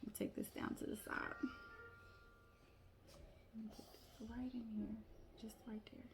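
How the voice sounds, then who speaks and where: A young woman chatting excitedly while making a crafting tutorial, calling viewers y'all. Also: on the high side, a little slow, whispered. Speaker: crafting vlogger. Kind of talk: casual crafting tutorial chat.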